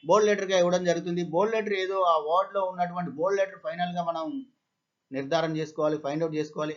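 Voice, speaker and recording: A man with a Telugu accent talks through an exam-prep phonetics lesson, spelling words out letter by letter. His voice sits a little high for a man. The recording sounds dull and lo-fi. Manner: explains step by step, mixing Telugu with English words. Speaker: English teacher.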